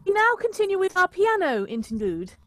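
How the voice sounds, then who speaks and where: Woman acting a high-voiced radio continuity announcer. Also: sing-song, fairly quick. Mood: composed, formal. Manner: formal, polite announcing. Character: polite, unruffled female radio continuity announcer. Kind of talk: scripted radio drama announcement.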